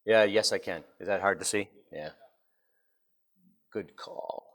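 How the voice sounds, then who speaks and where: A man with a Boston accent giving a relaxed, joking, step-by-step software demo at a conference session. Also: lowish voice, unhurried. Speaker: presenter. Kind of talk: live technical demo.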